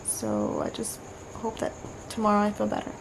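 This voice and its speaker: A woman talks casually to her camera from her bedroom, chatty and full of "like" fillers. Her voice has a gravelly, creaky edge. The home recording carries clear background noise. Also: mid-range voice, big pitch swings, moderate pace. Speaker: vlogger. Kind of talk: casual video diary.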